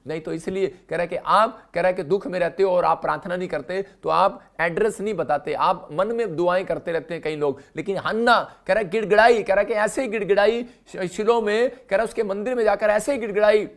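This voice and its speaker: High gravelly preacher man. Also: a little fast, hardly any pauses. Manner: repeats "kah raha hai", swings from loud exhortation to low murmurs. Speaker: pastor. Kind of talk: live prayer sermon.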